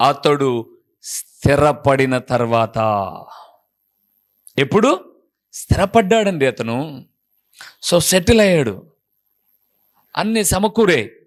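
A man's voice: high voice, a bit bright. A man preaching a sermon as a pastor, pressing the congregation with repeated rhetorical questions.

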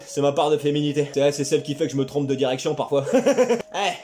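A man doing a crude comic sketch monologue, with mock-serious asides and sudden shouts. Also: a little high, little pitch movement, racing. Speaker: comedian parodying a survival show.

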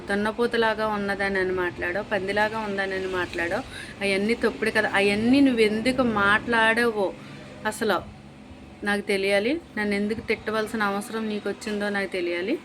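Fast-talking woman scolding in a flat tone. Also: medium pitch, slight background noise. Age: young adult. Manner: scolding, accusatory, repetitive insults. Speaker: vlogger. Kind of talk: angry direct-to-camera rant.

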